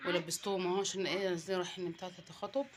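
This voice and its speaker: A woman's voice: lowish voice, flat delivery, crowd noise. A woman in her thirties with an Egyptian accent, chatting to viewers in a casual home vlog as she cooks and tidies her apartment. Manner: rapid, chatty, addresses viewers directly. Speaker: home vlogger, mother. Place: small apartment indoors. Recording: noisy home phone recording.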